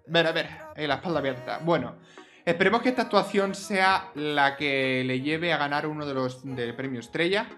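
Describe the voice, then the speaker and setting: A man commentating a life-simulation game, expressive and exclaiming, often scolding the characters. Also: on the high side. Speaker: gaming YouTuber. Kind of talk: Sims let's play commentary.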